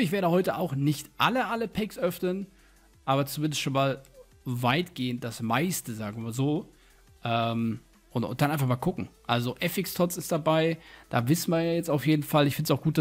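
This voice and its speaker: Higher-voiced man hyping up gaming viewers. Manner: slangy hype talk, addressing viewers as friends. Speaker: gaming video host opening packs. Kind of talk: casual gaming commentary to viewers. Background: music.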